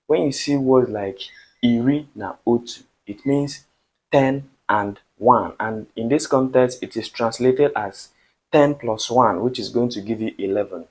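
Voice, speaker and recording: A Nigerian man with a mid-range voice leads a beginner language lesson. He speaks slowly and repeats every word so learners can practice.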